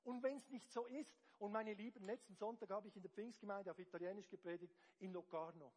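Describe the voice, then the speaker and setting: A man preaching a lively sermon, moving between loud exhortation and hushed storytelling. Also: high-pitched, fairly quick. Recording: reverberant church hall.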